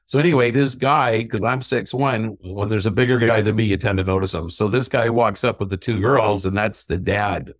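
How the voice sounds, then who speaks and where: Dry, low-voiced chatty male storyteller. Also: moderate pace, hardly any pauses, no echo. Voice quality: self-described stubborn Irishman. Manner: chatty anecdotal storyteller, acts out quoted voices. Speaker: sangria company owner. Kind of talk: casual interview storytelling.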